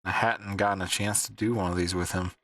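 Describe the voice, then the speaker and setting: A man hosting a livestream with casual, rambling chat, often pausing as he thinks. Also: low-pitched, steady tone, a bit bright, dry recording, recorded from a distance. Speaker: livestream host.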